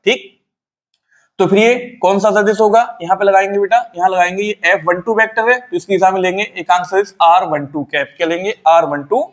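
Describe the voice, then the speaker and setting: A man's voice: sits high, brisk, dull audio. A man teaching physics in a classroom style, asking a question and then answering it himself, repeating key terms and calling his students "beta". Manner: calls students "beta" fondly. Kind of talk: classroom lecture at a whiteboard.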